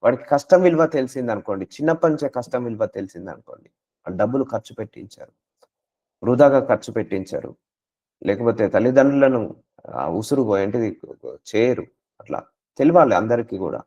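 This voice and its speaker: A man's voice: mid-range voice, expressive, a little fast, pauses often, darkish tone. A man preaching a sermon, exhorting listeners with repeated rhetorical questions and English words mixed into his speech.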